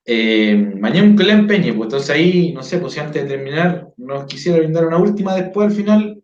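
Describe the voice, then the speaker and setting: A man's voice: on the high side, lively intonation, a little fast, darkish tone. Man hosting over an echoey, dull call. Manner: keeps adding tag questions, restarts often. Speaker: host. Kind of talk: casual online interview.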